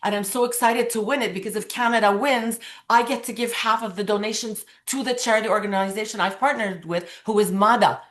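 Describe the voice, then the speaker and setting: A woman from Lebanon whose first language is Arabic, speaking earnestly and warmly as an interview guest. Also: mid-range voice, fairly even intonation, brisk, hardly any pauses. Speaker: guest, pageant titleholder. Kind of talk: casual interview conversation.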